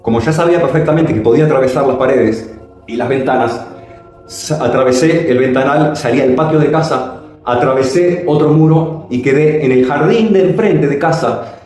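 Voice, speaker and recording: A man telling a spiritual personal story dramatically, his pitch swooping and his phrases slow and drawn out. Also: a little mellow. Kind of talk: personal testimony. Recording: very echoey room.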